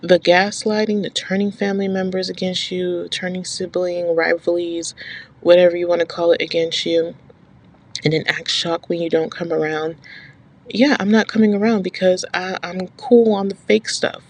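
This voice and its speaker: A woman's voice: on the low side, flat delivery, moderate pace. A woman vlogger talking straight to her viewers with firm advice, stressing and repeating her points and checking in with "okay?". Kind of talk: direct-to-camera advice talk.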